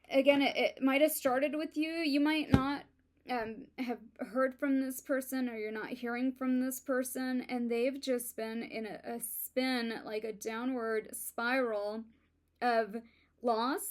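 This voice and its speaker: Slow, halting woman reading tarot. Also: fairly high pitch. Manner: halting, many ums and likes, self-admitted stuttering. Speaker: tarot reader. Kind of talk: casual tarot reading to viewers.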